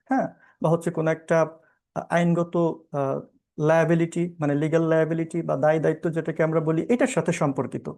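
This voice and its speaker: A man's voice: fairly high pitch, dark tone. A man with a Bangladeshi accent giving a law lecture, explaining step by step, asking questions and answering them, with English terms mixed in. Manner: explanatory, asks and answers his own questions; mixes English legal terms into speech. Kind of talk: classroom-style lecture.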